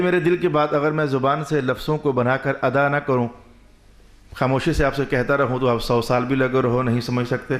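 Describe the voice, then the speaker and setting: A man's voice: medium pitch, echoey room. A man preaching a sermon in a Pakistani Urdu accent, stacking short repeated phrases and asking rhetorical questions before he answers them. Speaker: Islamic preacher.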